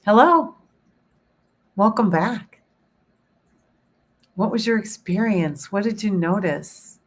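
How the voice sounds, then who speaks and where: A woman who is hoarse and losing her voice, leading a soothing guided meditation and then chatting casually with her online audience. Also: mid-range voice. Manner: slow, soothing guided visualization; rambling, self-interrupting chat with fillers. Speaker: spiritual teacher hosting a livestream.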